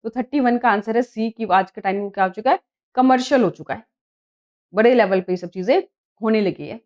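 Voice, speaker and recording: Woman, teacher, Hindi accent, fairly high voice, slow read-aloud questions, exam-prep explanations. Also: a little mellow. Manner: reads English questions slowly, then explains in Hindi.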